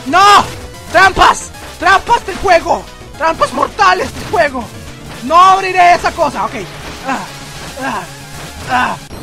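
High-pitched, excitable young gamer. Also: male voice, slow pace, faint music behind. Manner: excitable, yelps and shouts at the game. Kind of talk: let's play commentary.

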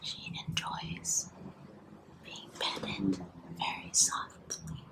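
Casting: soft spoken female ASMR whisperer, twenties, unhurried, with some creak. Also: extremely low pitch, fairly even intonation. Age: 20s. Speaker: beginner ASMR video maker. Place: hotel room. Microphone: close to camera or laptop, leaning in.

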